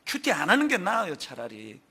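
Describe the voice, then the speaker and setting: A middle-aged man delivers an earnest sermon from a church pulpit. His voice sits high and bright, swinging widely in pitch as he poses rhetorical questions and reads scripture aloud. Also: wildly swooping pitch, a little fast, slightly rough. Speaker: pastor. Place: church sanctuary.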